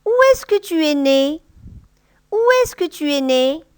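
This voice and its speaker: A woman teaching a language lesson. She speaks patiently and repeats each example sentence slowly and a little louder. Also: high voice, animated, dry recording. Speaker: French teacher. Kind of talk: slow, clear language lesson.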